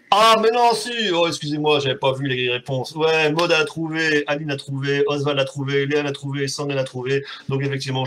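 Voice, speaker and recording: A man with a mid-range, slightly bright voice hosts a casual live stream from home, chatting with viewers. He rambles and pokes fun at himself, using lots of fillers, and his keyboard typing can be heard on the desk mic.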